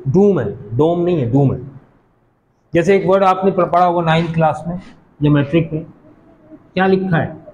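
A man from Pakistan teaching a class, explaining English pronunciation patiently, repeating words slowly and putting questions to the students. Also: a little high, darkish tone, dull audio, slight background noise. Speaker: college teacher.

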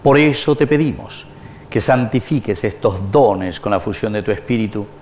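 This is liturgical prayer at Mass: a man serving as priest speaks solemnly and formally, at a measured pace, in a fairly low, darkish voice. A lapel mic records him in a small wood-panelled chapel, with a little hiss or hum.

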